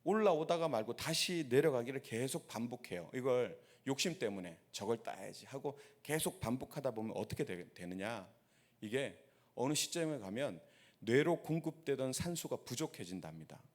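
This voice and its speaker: A male pastor with a mid-range, expressive voice preaches a sermon at a moderate pace in a church sanctuary. He tells stories and draws the congregation in with rhetorical questions.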